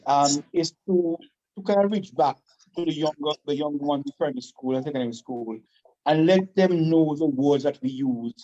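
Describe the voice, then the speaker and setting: High-voiced, mellow Vincentian man. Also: normal speed, muffled recording. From Saint Vincent and the Grenadines. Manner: emphatic, repeats phrases. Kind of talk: casual radio conversation.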